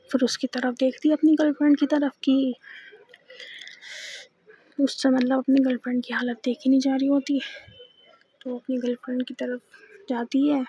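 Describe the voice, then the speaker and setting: A woman's voice: high voice, mellow, breathy edge, highs cut off. A woman storyteller retelling a love story in a casual, emphatic way, full of fillers.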